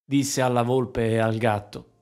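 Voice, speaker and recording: A man narrating a classic children's story in a calm, lower voice between the characters. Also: unhurried, soft background music. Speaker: audiobook reader.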